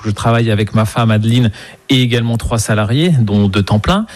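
A man's voice: fairly low pitch, fairly quick. A man who grows vegetables, earnestly explaining his work with some hesitations. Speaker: market gardener. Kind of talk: radio interview answers.

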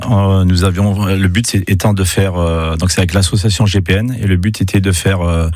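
Deep-voiced hesitant pizza chef. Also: male voice, steady tone, moderate pace, a little mellow, dry recording, clean studio sound. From France. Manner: hesitant, many "euh" fillers. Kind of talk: radio interview.

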